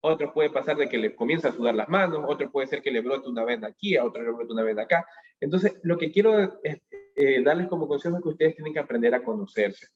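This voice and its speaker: A man giving a motivational lecture on emotions at a business school, animated, asking questions and answering them himself, heard through a webcam on a video call. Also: fairly high pitch, dull audio. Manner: animated, asks and answers his own questions. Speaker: speaker at a business school talk.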